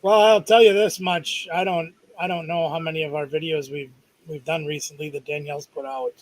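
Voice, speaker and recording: A man's voice: fairly high pitch, steady tone, brisk, rough recording. A middle-aged man co-hosting a live stream, chatting casually with an easygoing, joking manner. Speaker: co-host.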